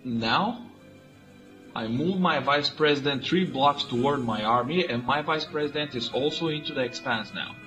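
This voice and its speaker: A man from Bulgaria, a native Bulgarian speaker, talks through his strategy moves in a calm, methodical way. His voice sits at an ordinary middle pitch. Faint music plays behind him. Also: normal speed, rough recording. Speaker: player. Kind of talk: let's play commentary.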